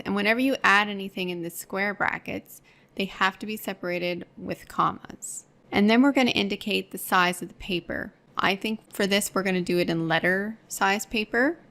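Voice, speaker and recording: A woman's voice: mid-range voice, vocal fry, a bit bright. A woman teaching an online course, explaining each step patiently while working through a screen-recorded tutorial at her computer.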